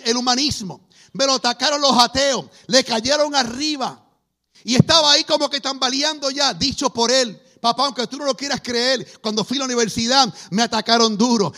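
A middle-aged man preaching, telling testimonies as a lively storyteller who acts out the voices he quotes. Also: very high voice. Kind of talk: testimony sermon.

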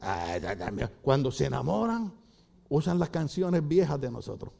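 A man's voice: on the high side, moderate pace, creaky. An older Puerto Rican man preaching a sermon in church, telling comic stories and acting out voices. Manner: animated, comic storytelling with acted-out voices.

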